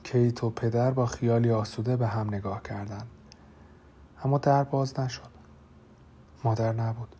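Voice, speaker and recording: A man narrating an audiobook in a measured, dramatic storytelling manner. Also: medium pitch, steady tone, dark tone, a little hiss or hum.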